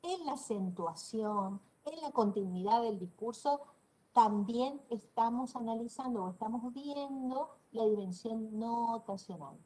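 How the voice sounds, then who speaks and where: A woman's voice: a little high, expressive, unhurried, dark tone, husky, rough recording. A woman with a northeastern Argentine accent giving a university class, explaining and demonstrating pronunciations aloud. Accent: northeastern Argentine Spanish. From Corrientes, Argentina. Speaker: university lecturer. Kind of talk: online class lecture.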